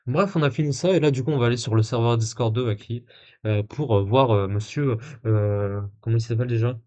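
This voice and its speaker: A man speaks into a desk microphone during a live stream, his voice at an ordinary middle pitch. He rambles casually, restarting phrases and leaning on fillers, and slips in dry, sarcastic remarks as he reads messages aloud. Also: a little fast, dark tone. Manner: casual, rambling with many fillers and self-corrections.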